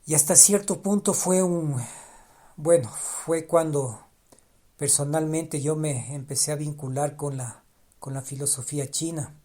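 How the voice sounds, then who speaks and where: A podcast host whose first language is Spanish talks alone and reflectively, often restarting phrases and repeating ideas to stress them. His voice is fairly high and warm, and he keeps a measured pace.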